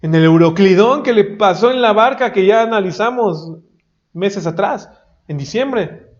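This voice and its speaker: High-voiced preacher, lo-fi. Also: male voice, lively intonation, a little slow. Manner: emphatic, rising to loud high-pitched exhortation. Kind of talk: sermon. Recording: dull lo-fi recording.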